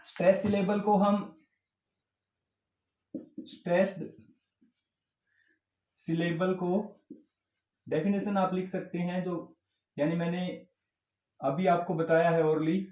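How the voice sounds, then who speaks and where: A man's voice: high-pitched, little pitch movement, a little mellow. Hindi-speaking male tutor in an echoey room. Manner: explains slowly, repeats terms, mixes English into Hindi. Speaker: English tutor. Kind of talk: classroom lecture. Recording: echoey room, dull lo-fi sound.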